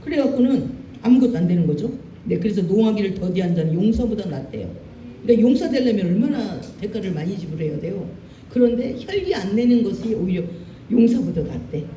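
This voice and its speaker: A woman pastor preaching a sermon in a church, animated, acting out lines in a raised voice. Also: mid-range voice, a little fast, roomy sound, far from the mic, a little hiss or hum. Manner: animated preaching, acts out Moses' angry lines. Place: church sanctuary.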